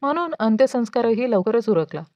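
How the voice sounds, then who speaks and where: A woman voicing a timid young bride newly married into a family, with a soft, plaintive delivery. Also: on the high side, big pitch swings, fairly quick, no echo.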